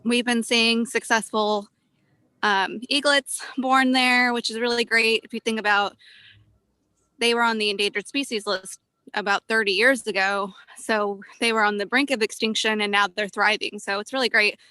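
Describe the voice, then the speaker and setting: Bright-voiced woman reporting while walking. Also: a little high, fairly even intonation, moderate pace, dry recording. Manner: chatty, informal. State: a little out of breath. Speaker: birder on a field walk. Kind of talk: casual field report. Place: outdoors, walking.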